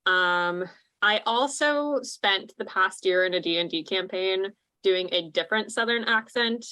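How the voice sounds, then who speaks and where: Bright-voiced chatty woman. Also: medium pitch, unhurried, smooth. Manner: chatty and giggly, with many fillers. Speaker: musical theatre actor on a cast panel. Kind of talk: casual chat.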